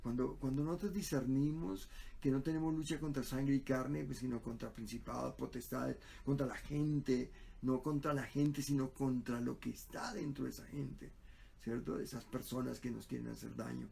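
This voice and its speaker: Man, pastor, sermon, storytelling, dark mellow tone. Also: medium pitch, fairly even intonation, normal speed, gravelly, slight background noise. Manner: storytelling with quoted dialogue, frequent fillers.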